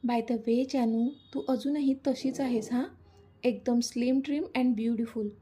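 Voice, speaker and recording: A woman's voice: fairly high pitch, fairly even intonation, normal speed, mellow, slight background noise, close to an everyday voice. A woman voicing an emotional, stubborn young woman who pleads insistently, in a storybook reading. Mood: joking.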